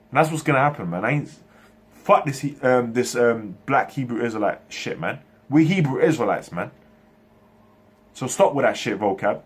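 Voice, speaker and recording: A man preaches at length, his voice a little rough and breathy at a middle pitch. He restarts his sentences often and closes almost every phrase with a "man" or an "okay". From Turkey, raised in England. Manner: halting, frequent restarts. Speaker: religious speaker. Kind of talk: preaching monologue to camera.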